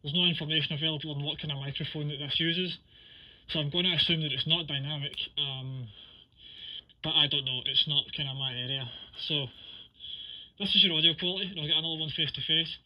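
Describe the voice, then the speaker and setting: A man's voice: on the high side, a little fast. Male gear reviewer, informal delivery, voice muffled by a gas mask and projected through its small speaker. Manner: informal, rambling. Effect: muffled gas mask voice amplified by a small speaker.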